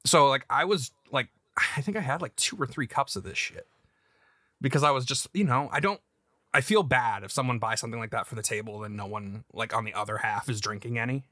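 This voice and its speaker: A man's voice: mid-range voice, brisk, bright, forceful tone, no echo, clean studio sound. A young man co-hosting a podcast, telling a rambling story in casual chat, laughing and restarting often. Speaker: podcast co-host.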